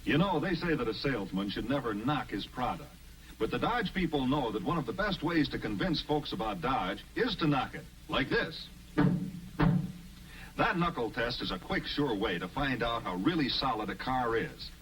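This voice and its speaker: A man delivering a 1950s TV commercial pitch in a folksy, confiding salesman manner, heard as old broadcast audio. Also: big pitch swings, moderate pace, a bit bright, recorded from a distance, rough recording. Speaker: commercial announcer.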